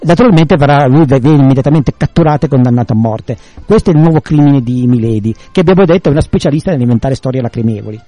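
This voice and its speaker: A man's voice: mid-range voice, fast talker, mellow, faint music behind. A man in casual conversation retelling and explaining a classic novel, rambling with many restarts.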